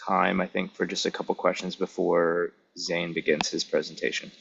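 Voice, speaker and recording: A man moderating an online seminar over video call audio, unhurried and full of fillers as he introduces speakers. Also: sits low, flat delivery, gravelly, dull audio, heavy background noise.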